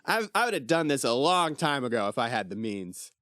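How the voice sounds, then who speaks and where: On a laid-back book club podcast, this male co-host gets animated and performs lines quoted from the book. He speaks a little fast in a mid-range voice, and the recording is dry.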